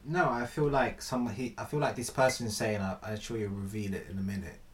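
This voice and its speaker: A man's voice: fairly low pitch, steady tone, brisk. A man in a casual philosophical chat, thinking aloud with hesitant restarts.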